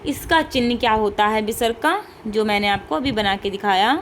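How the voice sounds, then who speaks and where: A woman's voice: fairly high pitch, moderate pace, slight background noise. A woman teaching an online class, explaining step by step and repeating key points with frequent checks and rhetorical questions.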